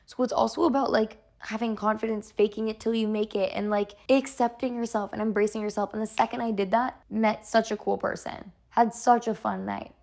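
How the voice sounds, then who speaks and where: A woman's voice: on the high side, fairly even intonation, brisk, gravelly, hardly any pauses, darkish tone. A young woman telling a candid personal story on a podcast, chatty and casual, filling her speech with "like" and swearing freely. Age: young adult. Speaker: podcast guest.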